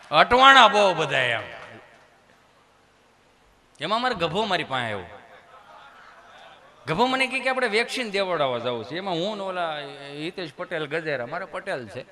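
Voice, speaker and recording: A middle-aged male comedian with a high, bright, forceful voice tells a long folk-style comic story. He talks in an animated way, slips into the voices of the people in his tale and laughs along at his own jokes. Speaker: stand-up comedian.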